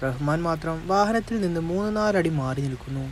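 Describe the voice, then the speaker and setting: A man's voice: fairly high pitch, expressive, slight background noise, poor audio. Man narrating a suspenseful horror story. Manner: slow, suspenseful, dramatic.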